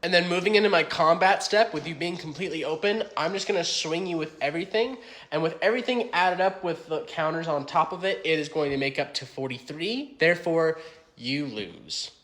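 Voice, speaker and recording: Man acting a higher-pitched, smug card player. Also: brisk, a bit bright, lightly acted. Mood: smug, matter-of-fact. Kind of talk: comedy skit, explaining card game moves.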